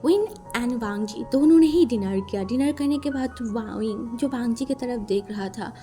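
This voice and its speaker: Female storyteller, casual and animated, high voice with a warm mellow tone. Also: normal speed, faint music behind. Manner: animated, musing, repeats words while thinking. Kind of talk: casual fanfiction retelling.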